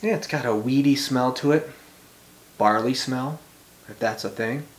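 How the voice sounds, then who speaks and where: A man's voice: mid-range voice, measured pace, roomy sound, a little hiss or hum. Laid back guy in his 40s doing a chill review vlog in his bedroom, short little remarks. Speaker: beer reviewer and vlogger. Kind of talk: casual review chat. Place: small bedroom, indoors.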